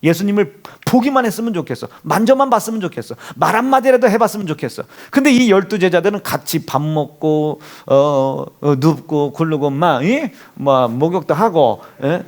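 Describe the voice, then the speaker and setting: A man's voice: fairly high pitch, expressive, normal speed, hardly any pauses. A male pastor preaching a sermon in a church, asking the congregation rhetorical questions and acting out quotes. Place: church sanctuary. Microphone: handheld or stand microphone.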